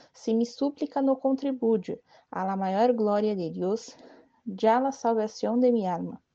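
Dark-voiced woman leading recited prayers. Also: medium pitch, dull audio. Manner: measured, steady recitation with a human slip. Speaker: prayer leader. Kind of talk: guided devotional prayer recitation.

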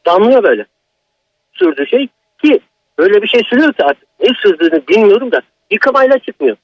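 A man's voice: sits high, sing-song, quick pace, no echo, dull audio. A man calling in to tell a personal horror story, in an agitated, emphatic manner. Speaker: caller.

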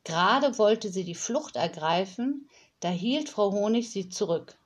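Calm woman narrator for a children's story, unhurried, even delivery. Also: mid-range voice, husky. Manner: calm, measured. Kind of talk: storybook read-aloud.

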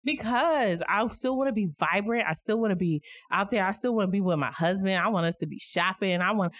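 A woman's voice: medium pitch, brisk, dry recording, studio quality. A woman in her thirties co-hosting a podcast, chatting casually and candidly, rambling and laughing often. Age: 30s. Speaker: podcast co-host. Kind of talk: casual chat.

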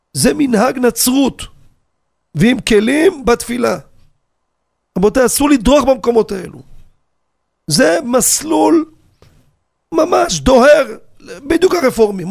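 Animated, gravelly-voiced rabbi on the radio. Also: male voice, extremely high pitch, pauses often. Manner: animated, asks rhetorical questions, tells anecdotes. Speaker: rabbi teaching on a radio show.

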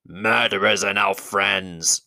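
A monstrous goblin king with a cruel, commanding temper, as a man puts him on for a storybook reading. He stretches every word out slowly and sneeringly, and some asides come out as a hiss. The voice is deep, with a bright, forceful edge. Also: fairly even intonation, gravelly, no echo, heavily acted. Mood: raging. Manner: slow, menacing, drawn-out delivery with hissed asides. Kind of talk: audiobook character voice.

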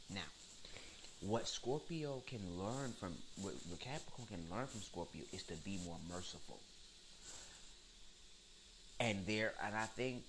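A man's voice: sits low, background noise. A man hosting a podcast, ranting in a blunt, profane, slangy and emphatic way. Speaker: podcast host. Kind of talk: casual solo rant.

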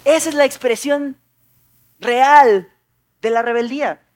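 A man's voice: sits high, normal speed, no room sound, clean studio sound. A man preaching a Sunday sermon, earnest and repeating his key points with small stammers. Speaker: pastor.

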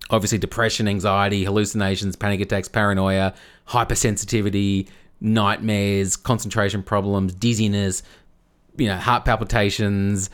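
A man's voice: fairly low pitch, clear, resonant tone. A man co-hosting a casual podcast, explaining a topic at length, often restarting and repeating words as he goes. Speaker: podcast co-host.

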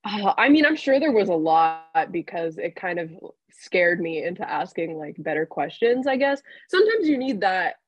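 A woman's voice: on the low side, sing-song, moderate pace. A young woman, a sports reporter, chatting casually on a podcast with many fillers and restarts. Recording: dull, dry lo-fi sound.

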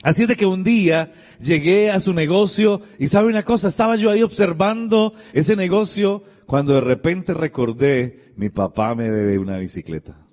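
Pastor preaching in a reverberant hall. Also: male voice, high voice, animated, normal speed, a little mellow. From Colombia. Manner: storytelling, acts out dialogue, addresses the congregation directly. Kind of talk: sermon with a personal anecdote.

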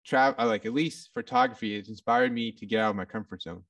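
A man, a photographer, talking in a casual, halting way with lots of fillers. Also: fairly low pitch, fairly bright tone, distant mic. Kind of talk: casual podcast chat.

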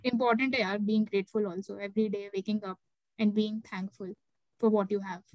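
A woman's voice: mid-range voice, steady tone, fast, no echo, dull audio. A young adult woman with an Indian accent, reflecting casually in short, thinking-aloud phrases with some Hindi mixed into her English.

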